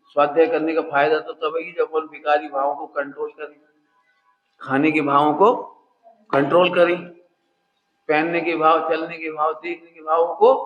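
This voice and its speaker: A man's voice: a little high, muffled recording. Man giving a spiritual discourse in an echoey hall. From India. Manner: asks the audience questions and repeats points. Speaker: Jain scholar giving a discourse. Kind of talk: religious discourse.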